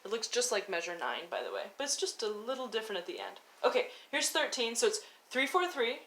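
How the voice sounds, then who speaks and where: Over music, a violin teacher explains and counts out fingerings in an instructional lesson, mixing talk with demonstration. She speaks a little fast in a fairly high voice with big pitch swings, and her coaching stays informal and encouraging.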